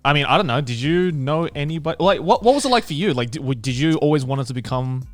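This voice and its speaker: A man's voice: a little high, animated, fast talker, no room sound. A man from Australia chatting casually and easily as a podcast host.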